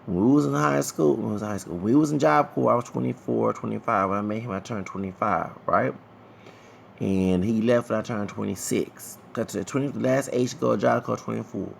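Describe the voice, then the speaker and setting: A gravelly, fairly low voice belongs to a 30-something Texas vlogger who talks fairly quickly and directly to his viewers. His rambling commentary digresses and repeats itself, with slight background noise present.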